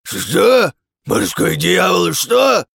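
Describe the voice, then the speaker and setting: Raspy bellowing pirate captain. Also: male voice, high voice, expressive, drawn-out words, fairly bright tone, dry recording, studio quality, voice pushed up, heavily acted. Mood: panicked. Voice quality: raspy, gravelly. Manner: bellowing, hysterical outbursts. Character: brutish hot-headed male pirate captain. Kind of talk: audiobook character voice.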